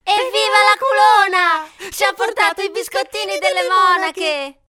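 A woman voicing a young orphan girl with a shrill, childlike voice in an audiobook. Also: measured pace, darkish tone, dry recording, studio quality. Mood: excited. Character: young orphan girl, excited then frightened.

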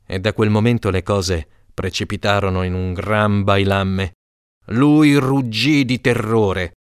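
Guy reading a story aloud, super animated, dry close sound. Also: mid-range voice, no room sound. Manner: expressive, lively storytelling. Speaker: narrator. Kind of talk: audiobook narration.

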